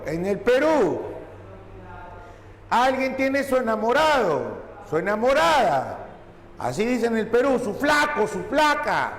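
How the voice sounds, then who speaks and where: A male teacher with a Peruvian Spanish accent, giving a classroom lecture and often stopping to check that students understand. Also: very high voice. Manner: repeats points and checks for understanding. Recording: echoey hall with faint background hum.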